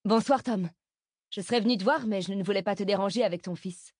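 A woman's voice: mid-range voice, quick pace, a little mellow, dry recording, clean studio sound, voice pushed up, natural voice. A woman voicing an insecure young woman. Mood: eager. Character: young woman, self-doubting, eager to be liked.

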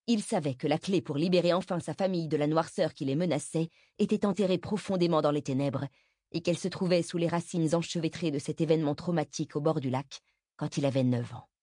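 A woman narrating an audiobook in an even, measured reading. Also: low voice, no echo, studio quality. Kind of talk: scripted narration.

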